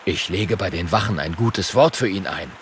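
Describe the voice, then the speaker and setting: A man voicing a confident, measured male merchant in a children's audiobook. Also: low-pitched, a little hiss or hum, lightly acted. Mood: assured. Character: self-assured grown male merchant.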